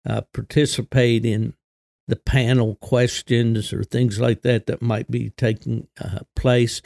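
An older man with a gravelly voice, hosting a solo podcast in a folksy, unhurried, conversational way. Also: medium pitch, level tone, darkish tone, no room sound. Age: 60s or older. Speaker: podcast host.

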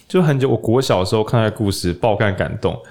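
Fast-talking Taiwanese Mandarin man. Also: fairly low pitch. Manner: animated storyteller who acts out voices in the tale. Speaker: podcast host. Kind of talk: casual podcast chat and storytelling.

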